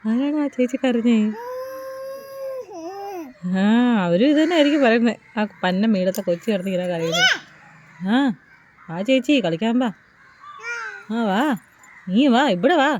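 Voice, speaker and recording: A woman's voice: on the high side, big pitch swings, a little slow, pauses often, background noise. A mother talking to her baby at home in coaxing, sing-song baby talk.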